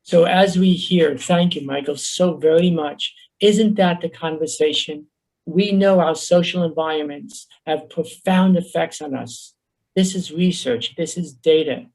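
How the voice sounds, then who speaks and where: A man with a Bronx accent giving an earnest, fast-paced webinar talk as a social worker over a video call. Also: a little high, darkish tone, poor audio. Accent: New York Bronx.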